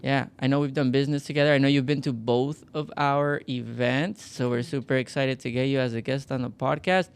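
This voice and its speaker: A man co-hosting a podcast, asking quick follow-up questions with a joking, playful manner. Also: medium pitch, steady tone, smooth. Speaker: podcast co-host. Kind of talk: casual podcast interview.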